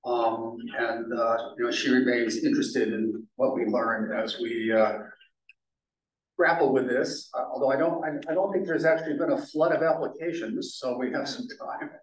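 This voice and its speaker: A man's voice: medium pitch, fairly even intonation, moderate pace. A man speaking as a board member at a city meeting, conversational with hesitant fillers. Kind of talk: public meeting discussion. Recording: echoey meeting room, distant mic.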